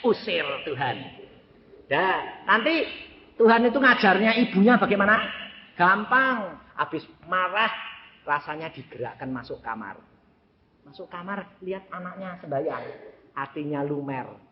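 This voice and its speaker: A man's voice: sits high, very animated, a little slow, long pauses. Man preaching with dramatic swings. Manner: dramatic swings from shouting to hushed, storytelling. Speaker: evangelist preacher. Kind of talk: sermon. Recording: echoey hall, slightly dull, faint noise.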